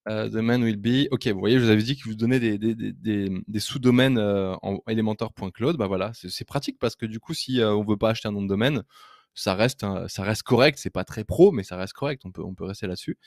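Male tutorial host, low register, dry sound; chatty, eager, hesitant delivery for a screencast demo. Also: brisk, no room sound. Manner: chatty and enthusiastic, hesitant with many fillers. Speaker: web design trainer. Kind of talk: casual screen-recorded software demo.

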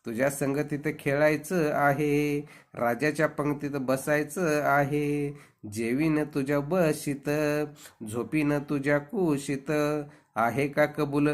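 A man's voice: on the high side, fairly even intonation, slow pace. A man voicing a sweet, playful little rabbit who coaxes in singsong rhymes. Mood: eager. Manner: singsong, rhyming, coaxing.

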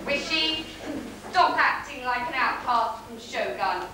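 A woman's voice: high-pitched, animated, slow pace. A woman playing chirpy pantomime lad Al. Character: cheeky young male pantomime lead Al. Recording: echoey hall, far from the mic, noisy.

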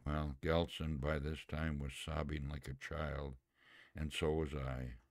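Male podcast host, storyteller with casual asides; slow, dry delivery. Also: a bass voice, flat delivery, vocal fry, dry recording. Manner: plain, unhurried reading with homely asides. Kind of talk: reading a story aloud with spoken asides.

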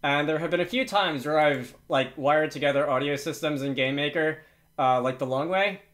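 With a fairly high, somewhat bright voice and a slightly fast pace, a man works through a casual, unscripted screencast tutorial at a computer indoors, thinking aloud with hesitation.

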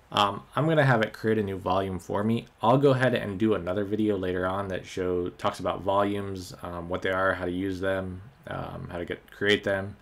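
A man hosting a tech tutorial, narrating a software walkthrough over a screen recording in a relaxed way, with many ums and uhs. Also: low voice.

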